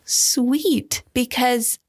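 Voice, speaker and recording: A young woman co-hosting a faith podcast, gushing in casual chat with animated storytelling. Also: a little high, very slow. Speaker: podcast co-host.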